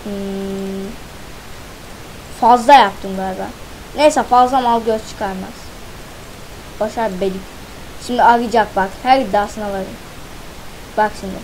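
A woman's voice: medium pitch, fairly even intonation, a little slow, pauses often, darkish tone, slight background noise, low-quality recording. A woman giving casual let's-play commentary, talking to herself as she plays, counting items aloud and tossing in playful slang. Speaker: gaming channel host.

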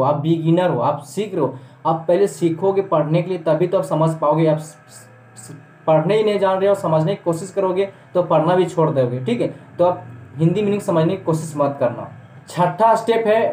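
A man's voice: high-pitched, a little mellow. A man giving a casual spoken lesson in a YouTube video, repeating points reassuringly with frequent restarts and words. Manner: repetitive, reassuring, many restarts. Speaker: YouTube teacher. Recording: echoey room.

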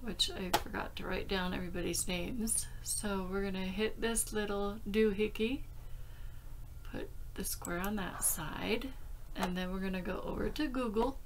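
A woman's voice: mid-range voice, a little slow, slight background noise. A woman in her forties hosting a casual craft vlog, chatting to viewers and rambling as she narrates each step aloud. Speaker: craft channel host. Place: small craft room at home, indoors. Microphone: laptop webcam at arm's length.

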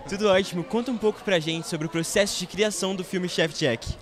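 A man hosting quick interviews outdoors at a film premiere, in an upbeat manner. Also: high-pitched. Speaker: event interviewer.

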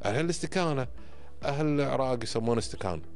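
Racing along with lively intonation, a mid-range voice, and a slightly mellow tone, a Kuwaiti man in his fifties holds forth as a podcast guest. His delivery is emphatic and instructive, checking often that he's followed. A close boom-arm studio mic records him indoors, with soft music underneath.

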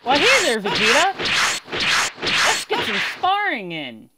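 Goku, high shouted anime fighter. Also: male voice, huge pitch swings, unhurried, heavy background noise, heavily acted. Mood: eager, taunting. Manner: shouted battle taunts. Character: cocky, high-spirited young male martial-arts fighter. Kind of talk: anime fighting game dub imitation.

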